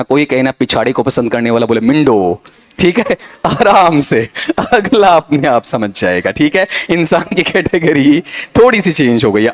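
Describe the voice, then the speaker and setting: Man, middle-aged, English teacher, revision lecture, slightly high pitch, very expressive intonation. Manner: animated, talks to students as beta, frequent "theek hai". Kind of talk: lively classroom revision lecture.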